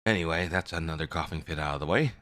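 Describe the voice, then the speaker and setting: Deep-voiced, bright male livestreamer. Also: fast talker, dry recording, clean studio sound. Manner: rambling, repeats phrases. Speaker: live streamer, VTuber host. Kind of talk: casual livestream chat with viewers.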